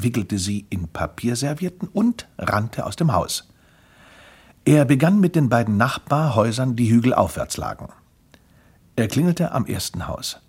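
A man narrating a children's story in an expressive, lively reading. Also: medium pitch, breathy edge.

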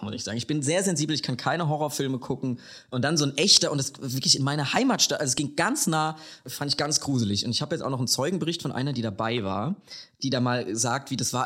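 A chatty male podcast host from Hesse tells a true crime story in a loose, conversational way. He drops English slang into his sentences. His voice sits at a middling pitch. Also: fast, a bit bright, slightly rough. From Hesse, Germany. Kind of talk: casual chat, telling a true crime story.

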